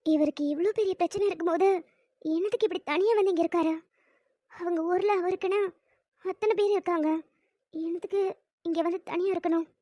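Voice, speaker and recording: An anxious young older sister, voiced by a high-pitched performer, pleads and worries in a very high, dry voice in an audio drama. Her talk is tearful and urgent. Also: unhurried, long pauses, no room sound. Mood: worried.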